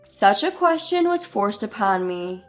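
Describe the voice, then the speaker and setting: A woman in her twenties telling her own story as scripted first-person narration in an even, measured way. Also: mid-range voice. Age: 20s. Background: faint music.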